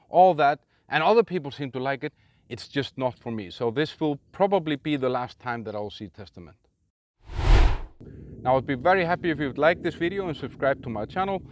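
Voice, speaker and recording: A man's voice: mid-range voice, slight background noise. Icelandic man reviewing a metal festival. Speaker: metal channel host.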